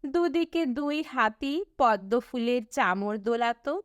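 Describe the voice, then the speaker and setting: Here a woman performs storybook narration, measured and expressive, with intentional breaks between phrases. Her voice sits on the high side, and the audio is studio quality with no room sound.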